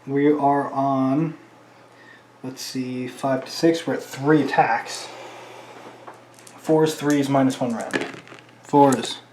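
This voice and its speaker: A man's voice: medium pitch, steady tone, takes it slowly, pauses often, darkish tone, echoey room, a little hiss or hum. A man playing a tabletop wargame, counting dice aloud and talking casually to viewers as he plays. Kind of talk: casual play-by-play of a tabletop battle.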